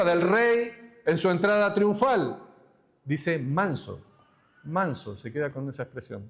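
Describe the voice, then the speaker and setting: High-voiced preacher. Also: male voice. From Argentina. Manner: teaching, quoting scripture slowly with emphasis. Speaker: pastor. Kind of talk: expository sermon. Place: church.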